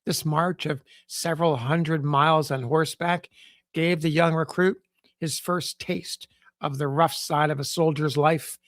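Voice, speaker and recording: Man reading aloud, formal and measured, slightly high voice, dry close recording. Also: fairly bright tone, dry recording. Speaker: podcast host. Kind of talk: reading a period newspaper sketch aloud.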